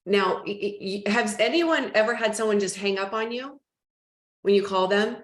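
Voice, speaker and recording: A woman running a team training session, chatty and animated, now and then slipping into acted-out phone calls. Her voice sits in the middle range and carries a roomy echo. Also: mid-range voice, normal speed. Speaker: real estate trainer.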